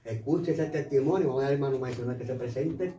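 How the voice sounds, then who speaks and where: Brief: male church radio host, mellow tone, peppers every line with hallelujahs, echoey room, distant mic. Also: mid-range voice. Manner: fills pauses with hallelujahs. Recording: roomy sound, distant mic.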